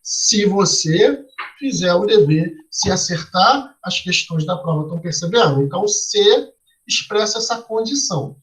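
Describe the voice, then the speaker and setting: A man's voice: sits high, lively intonation, unhurried, fairly bright tone, low-quality recording. A male teacher explaining a lesson step by step to a class, asking them questions and tagging his lines with "né?" and "tá?". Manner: tags lines with "né?" and "tá?".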